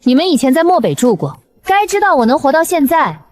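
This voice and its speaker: A woman voicing a bold young swordswoman in an animated drama, brash and flippant. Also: high-pitched, brisk. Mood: cocky. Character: cheeky young woman bounty hunter, bold and blunt.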